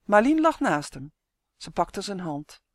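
A woman narrating a children's story in an expressive storytelling rhythm. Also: mid-range voice, measured pace, no echo, clean studio sound. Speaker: audiobook narrator.

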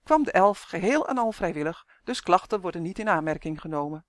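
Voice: medium pitch, lively intonation, brisk, dry recording, clean studio sound, natural voice. A reader of a children's storybook voicing a smug, pedantic male monster who sticks to the rules. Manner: fussy, bureaucratic, self-satisfied.

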